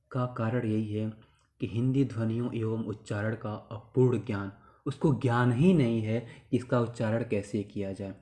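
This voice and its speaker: A man giving an explanatory lecture as a teacher educator, measured and stressing key terms. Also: mid-range voice, dark tone.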